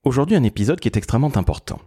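A man's voice: medium pitch, big pitch swings, rapid-fire, dark tone, slightly rough, dry recording, clean studio sound. A man hosting a podcast, talking emphatically and introducing his guests with big words. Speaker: podcast host.

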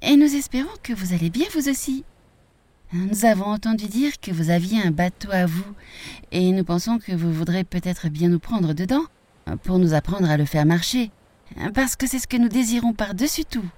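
A woman reading a storybook voices two polite, eager boys speaking together, pitching her voice up. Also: lively intonation, normal speed, dark tone, no room sound, close to an everyday voice.

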